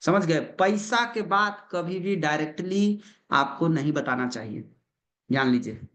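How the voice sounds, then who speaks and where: A man's voice: a little high, animated, a little slow, a bit bright. A man giving a motivational business seminar as a trainer, putting questions to the crowd and answering them himself. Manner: repeats key points with emphasis.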